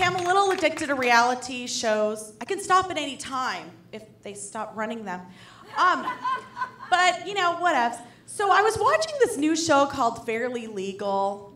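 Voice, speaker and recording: Young female stand-up, wry and self-deprecating, higher voice, roomy club sound. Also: a bit bright, slight background noise. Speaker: stand-up comedian. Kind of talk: stand-up comedy set. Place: comedy club stage. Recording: echoey club room.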